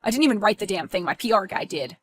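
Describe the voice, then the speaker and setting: An evasive young male politician, voiced by a woman for an animated story, quiet and pleading, his pitch moving a lot. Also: quick pace.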